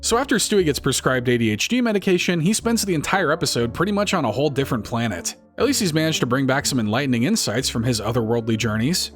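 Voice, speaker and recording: A man's voice: mid-range voice, animated, fast talker, few pauses, faint music behind. Wry, sarcastic male narrator. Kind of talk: scripted comedic narration.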